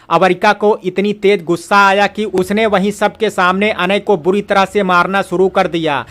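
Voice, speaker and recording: A man narrating a love story in a steady, expressive reading voice. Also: high voice.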